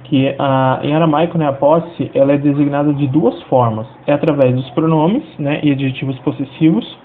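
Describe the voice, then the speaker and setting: A man's voice: fairly high pitch, moderate pace. Brazilian guy explaining a lesson, keeps checking in with listeners, sounds kinda tinny. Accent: Brazilian Portuguese. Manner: explanatory, fills with frequent tag questions. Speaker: language teacher. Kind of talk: video lesson. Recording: tinny lo-fi audio with faint hiss.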